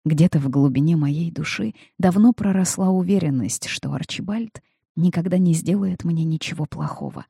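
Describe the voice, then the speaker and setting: A calm, measured audiobook narrator reading a first-person story. The voice is mellow and slightly husky, recorded dry and close with no room around it. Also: medium pitch, dry recording.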